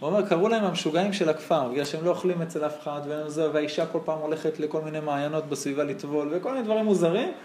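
A man's voice: a little high, few pauses, noisy background. A man, a rabbi, preaching a sermon and telling stories, his voice rising and dropping sharply. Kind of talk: sermon with storytelling. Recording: roomy echo.

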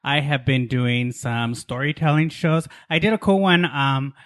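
A man with a loud, projecting voice, chatting casually and jokingly as a podcast co-host. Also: mid-range voice, fairly even intonation, a little slow, no echo. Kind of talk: casual comic chat. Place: apartment room with the AC off.

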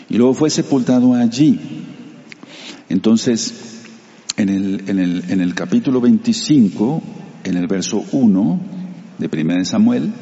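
A man with a low, mellow voice preaches a sermon, reading Bible passages and turning to the congregation to explain them. The sound is dull and carries a long hall reverb. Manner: reads scripture then explains it, addressing the congregation; uses Hebrew terms for sacred names.

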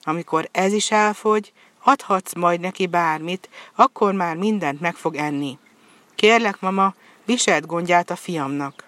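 A woman voicing a gentle, blind dragon mother who speaks softly and pleadingly in a storybook reading. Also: fairly low pitch, dry recording, natural voice.

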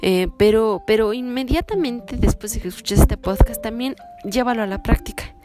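A woman hosting a self-help podcast, giving practical advice in a lively, coaching way and acting out little scenes. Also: a little high, moderate pace, loud music behind the voice. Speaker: podcast host.

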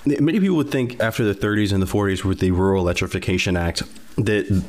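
A man's voice: fairly low pitch, fast talker, darkish tone. A man hosting an interview, asking long, thoughtful, winding questions. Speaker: podcast host.

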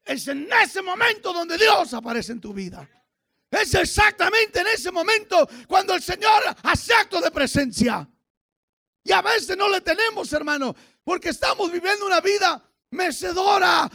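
Male pastor, high-pitched, bright, gravelly, fervent preaching, dry recording. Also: animated, normal speed. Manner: fervent preaching, swings from quiet asides to shouted exhortation. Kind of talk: bilingual Christmas sermon.

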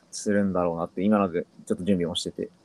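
A man with a slight Kansai influence in his speech, a writer chatting casually and thinking out loud. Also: low voice, little pitch movement, brisk. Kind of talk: casual chat.

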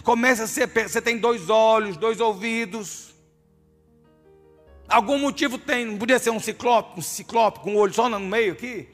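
A man's voice: high-pitched, normal speed, a bit bright. A man preaching a sermon in a church, emphatic and speaking straight to his listeners. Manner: emphatic, addresses listeners directly as "my dear". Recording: reverberant hall with music behind.

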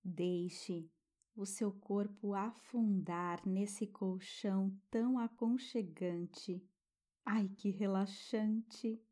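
A Brazilian woman narrates like a sleep story reader guiding small children through meditation. Her voice is mellow and relaxed, and she speaks very slowly. The manner is gentle and hushed, with tender little words. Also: medium pitch. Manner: gentle, hushed, breathy pauses, tender diminutives.

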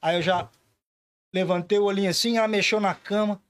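A man on a podcast as the guest, telling funny stories in a casual, animated way and acting out the voices of the people in them. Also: high voice, brisk, dry recording. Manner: animated, acts out voices in anecdotes, says "cara" often. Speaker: podcast guest, store owner. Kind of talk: casual storytelling chat.

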